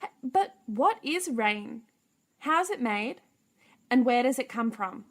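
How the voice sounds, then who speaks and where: A woman's voice: a little high, animated, slow pace. A woman presenting a scripted story show for children, with children's music behind her.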